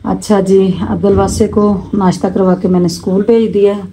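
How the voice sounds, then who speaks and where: A woman's voice: medium pitch, flat delivery, moderate pace, warm tone, slight background noise, rough recording. Chatty middle-aged woman cooking at home. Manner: chatty, homely, addresses viewers as family. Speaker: cooking vlogger. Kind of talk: casual cooking vlog narration. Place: home kitchen.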